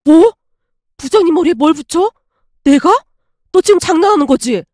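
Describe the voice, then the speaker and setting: A woman voicing a rash young male office worker who talks in loud, frantic disbelief. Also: high voice, expressive, normal speed, no echo, clean studio sound. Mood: panicked disbelief. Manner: loud, shouting when drunk, frantic disbelief.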